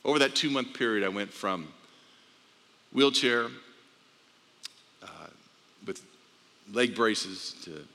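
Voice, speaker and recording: A man giving a personal testimony talk, halting and repeating words as he tells an emotional story. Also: lowish voice, animated, pushed and bright. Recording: long hall reverb.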